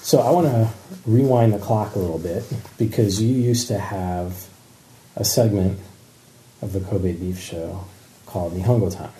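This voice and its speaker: A man with a very dark, low-set voice hosts a casual podcast conversation and asks follow-up questions. His voice sits in a roomy echo. A faint room noise runs underneath. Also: a little slow. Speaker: podcast host. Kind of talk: casual chat.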